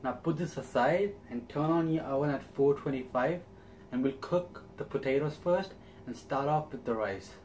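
A young man with a mid-range, slightly dark voice speaks at a normal pace as he hosts a cooking channel. In a small home kitchen, he walks through a recipe step by step, friendly and upbeat. There is slight background noise.

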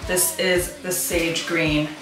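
With a low-ish voice, flat delivery and slow pace, a woman in her thirties chats casually to camera. She thinks aloud while doing tasks indoors around an empty apartment and a small tiled bathroom, and the recording carries echo from the empty rooms plus background music.

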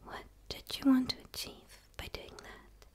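Whispering close to the microphone, a young woman plays a gentle, curious dark female forest alien in an ASMR roleplay. She speaks in a soothing, hushed way with pauses.

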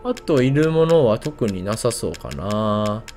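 Kansai man with widely swinging pitch, gaming. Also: sing-song, unhurried, a little mellow. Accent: Kansai Japanese. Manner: thinks aloud in short questions and mutters to himself. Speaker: video game streamer. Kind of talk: casual gameplay commentary.

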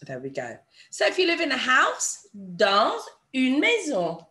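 A woman teaching an online French lesson, patiently modelling phrases slowly for learners to repeat. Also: high-pitched, wildly swooping pitch, pushed and bright. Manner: patient, encouraging teacher talk. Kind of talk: online language lesson with screen share.

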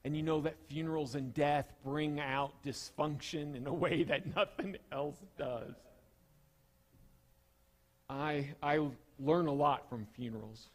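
Southern man preaching slowly. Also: on the high side, in a large hall. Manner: emphatic preaching, repeats key phrases. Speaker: pastor. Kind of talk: sermon.

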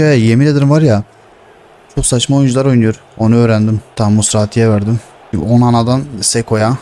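Young man yelling at a football game. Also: medium pitch. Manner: swears, shouts at players. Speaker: gaming streamer. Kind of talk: excited football game commentary.

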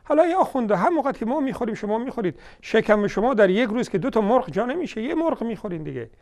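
A man giving a polemical religious lecture on a TV show, scolding and mocking with loud bursts and quiet asides, reciting scripture slowly. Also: very high-pitched, sing-song.

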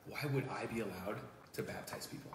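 A man's voice: lowish voice, fairly even intonation, fairly quick, recorded from a distance, crowd noise. A man who is a pastor, talking about his faith in earnest and acting out what people said. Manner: earnest storytelling, quotes people aloud. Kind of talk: casual faith chat. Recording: roomy, echoey, from off the mic.

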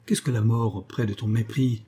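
A man voicing a tender young woman raised among poisonous flowers, speaking softly and pleading in a raised voice. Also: fairly even intonation, moderate pace, slightly rough. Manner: soft, pleading, raised pitch.

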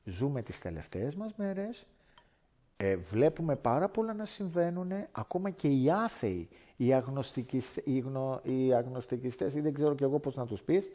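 A man from Greece giving a personal faith testimony as a guest speaker, animated and acting out conversations. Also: medium pitch. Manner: animated, acts out dialogue in voices.

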